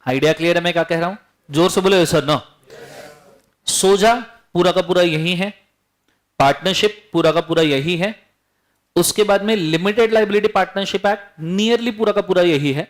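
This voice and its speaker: A man with a notably high voice teaches a classroom full of students. He, and he keeps things lively and teasing, firing questions at the class as he goes. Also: normal speed. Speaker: law teacher. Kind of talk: classroom lecture.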